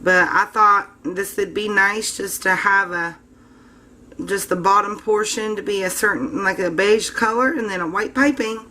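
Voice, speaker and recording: A woman's voice: mid-range voice, unhurried, sharp tone, a little hiss or hum. A woman hosting a soap-making channel, chatting casually to viewers while she demonstrates and cuts her soap. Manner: chatty, addresses viewers as guys.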